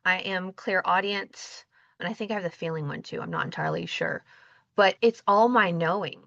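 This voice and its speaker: A woman, a guest on an interview, telling stories in a casual, animated way and acting out the dialogue. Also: on the low side, moderate pace, gravelly, no room sound, lo-fi sound. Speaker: guest, intuitive energy healer.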